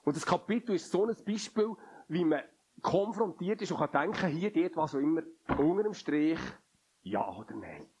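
Guy preaching, husky voice, earnest and pleading, trails off low at the ends. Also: sing-song, moderate pace, a little mellow, dull audio. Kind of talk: sermon.

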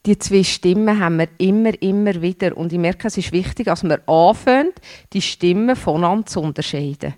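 A woman giving an informal devotional talk to a church group, earnest and unhurried, sometimes stopping to restart a word. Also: lowish voice, a little mellow, no echo, studio quality.

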